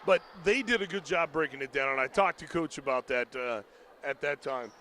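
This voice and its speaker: High bright-voiced man calling a game. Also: brisk, a little hiss or hum. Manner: rambling, apologetic, rising to shouts on big plays. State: out of breath. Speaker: play-by-play commentator. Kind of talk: local basketball commentary.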